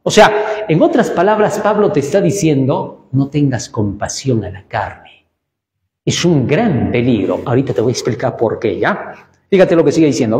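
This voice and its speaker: Preacher, lively, in an echoey hall. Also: male voice. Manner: emphatic, swings in pitch and loudness, rhetorical questions. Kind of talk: sermon. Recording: echoey church hall reverb.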